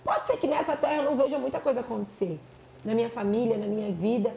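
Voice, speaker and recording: A woman, a pastor chatting on a podcast, animated and acting out the voices she quotes. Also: fairly high pitch, fast talker, gravelly. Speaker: pastor and psychologist guest. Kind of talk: casual podcast chat. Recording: echoey room with faint noise.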